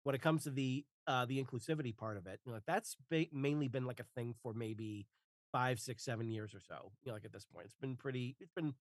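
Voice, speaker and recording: A man in his forties speaks in a casual podcast conversation. His voice sits at a middle pitch and sounds dry, with no room around it. He stops and restarts his phrases and fills the gaps with "uh" and "you know". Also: brisk, no echo. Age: 40s. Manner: hesitant, restarts phrases with many fillers. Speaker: guest author and narrator.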